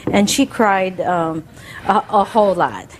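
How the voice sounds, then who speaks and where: A woman speaking earnestly and haltingly as she testifies in a television court. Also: medium pitch, animated, rough recording.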